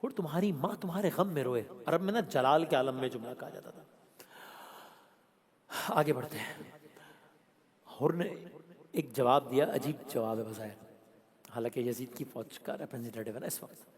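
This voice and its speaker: A middle-aged man telling a religious story with dramatic emotion, asking and answering his own questions, rising loud and then dropping to near whispers. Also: medium pitch, pauses often. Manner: drops to a whisper at moving moments. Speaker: host narrating a religious story.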